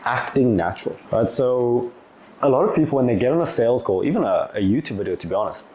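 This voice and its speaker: Young male business vlogger, twenties, warm relaxed tone, easygoing, filler-heavy delivery. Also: mid-range voice, quick pace. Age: 20s. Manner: loose and chatty, lots of "like", acts out little dialogues. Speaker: agency owner giving business advice. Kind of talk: casual talking-head Q&A.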